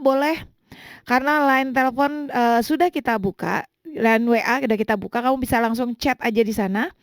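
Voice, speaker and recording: Chatty woman radio host, high voice. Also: no echo, studio quality. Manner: chatty, friendly, with frequent fillers. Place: radio studio.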